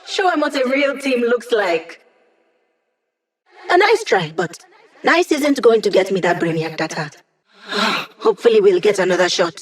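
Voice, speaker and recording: A woman's voice: mid-range voice, animated, a little slow, long pauses, lightly acted. A woman playing a young tech hacker in a video game, talking in a playful, sardonic, casual and slangy way. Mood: urgent, wry. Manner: sassy, casual, teasing, slangy.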